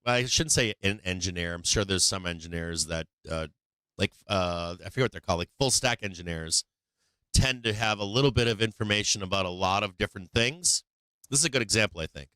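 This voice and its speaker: A man with a thin, tinny voice light on bass, giving rambling, blunt, profanity-laced live trading commentary. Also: sharp tone, clear, resonant tone, dry recording. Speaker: stock trading livestream host.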